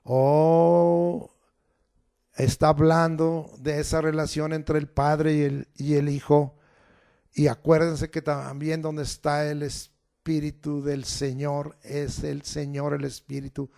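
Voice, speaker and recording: Male preacher, fairly high voice, slow and deliberate, rising to fervent emphatic peaks. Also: little pitch movement, gravelly, dark tone. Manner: slow, emphatic preaching, swelling to raised declarations. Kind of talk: sermon.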